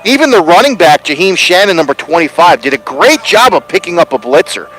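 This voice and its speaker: A man giving live high school football commentary as an analyst, explaining plays in a conversational way outdoors at a stadium. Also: very animated, brisk, a bit bright, soft background music, low-quality recording.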